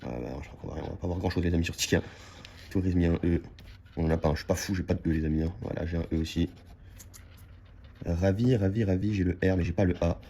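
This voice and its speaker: A man's voice: deep voice, fairly even intonation, rapid-fire, creaky, warm tone, a little hiss or hum. A man giving casual running commentary to his viewers while scratching lottery tickets, repeating words as he checks them. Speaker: scratch-card vlogger.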